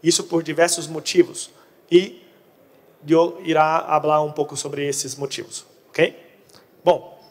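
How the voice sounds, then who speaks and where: A Brazilian man with a fairly high voice presents to an audience in portunhol. His native Portuguese is mixed with Spanish words throughout. The sound carries the long reverb of a large hall. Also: fairly even intonation, unhurried, pauses often. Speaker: conference speaker on crop pest control.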